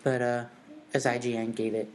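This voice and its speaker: A man's voice: mid-range voice, level tone, moderate pace, a little hiss or hum. A man co-hosting a casual gaming chat show, rambling with many fillers and restarts. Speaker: podcast co-host.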